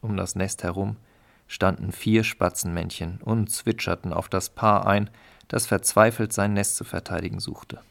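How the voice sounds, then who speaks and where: A man's voice: low voice, steady tone, moderate pace, creaky, a bit bright. A man narrating a story in a dry, wry reading style. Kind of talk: audiobook reading.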